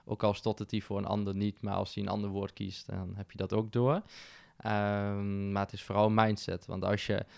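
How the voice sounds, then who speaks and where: A man's voice: on the low side, little pitch movement, moderate pace, gravelly, clear, resonant tone, no room sound, clean studio sound. A man talking as a podcast guest in casual conversation, reflective, with frequent fillers and restarts. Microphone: podcast microphone.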